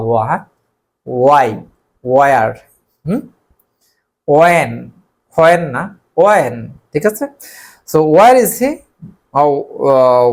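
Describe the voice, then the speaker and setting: Online tutor, animated sing-song delivery, repetitive drilling. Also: medium pitch. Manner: drills phrases by repetition, often checks "okay?". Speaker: online English teacher. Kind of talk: recorded online lesson.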